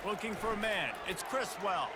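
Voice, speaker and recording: A man's voice: high voice, lively intonation, moderate pace, heavy background noise. An American man doing play-by-play sports commentary for a football video game. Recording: loud music behind the commentary. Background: loud music.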